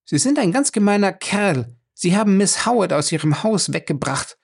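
A man voicing a calm, firm young woman in an audiobook who speaks with cool sarcasm. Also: high voice, moderate pace, gravelly, pitched above the performer's own voice, exaggerated voice. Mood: cool ironic.

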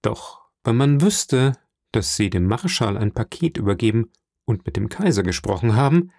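A man reading the part of a hearty middle-aged shipowner in an audiobook, lively and confiding. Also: fairly low pitch, normal speed, gravelly, no room sound, clean studio sound, full character voice.

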